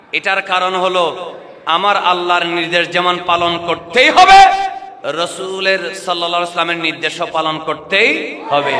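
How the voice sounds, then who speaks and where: A man preaching a sermon, calling out questions for the crowd to answer and breaking into chanting and shouts. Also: high voice, in a large hall, slight background noise. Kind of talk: Bengali waz sermon.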